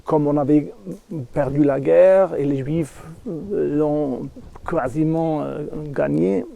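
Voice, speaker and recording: Halting German-accented man, very dark creaky voice. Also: on the high side. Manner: halting, searching for words, with tag questions. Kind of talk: rambling monologue to an audience.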